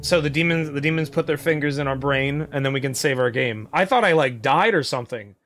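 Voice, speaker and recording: A man live streaming casual game commentary in an excitable, joking, sweary way. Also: a little high, fairly quick. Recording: music and game sound underneath.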